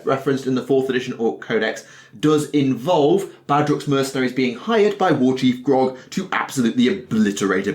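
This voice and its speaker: A man on a podcast panel talks in a loose, rambling way, poking fun at himself and dropping the odd swear word. His voice sits at an ordinary pitch for a man and swings up and down in a lively, animated way. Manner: rambling, self-deprecating, swears casually. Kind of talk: casual chat.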